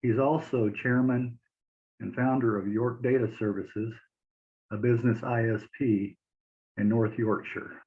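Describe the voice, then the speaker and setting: Male podcast host, 40s, casual and halting, narrow phone-like sound from a webcam call. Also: mid-range voice, steady tone. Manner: friendly, halting, laughs easily. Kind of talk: interview hosting. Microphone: video call. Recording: tinny phone-like line.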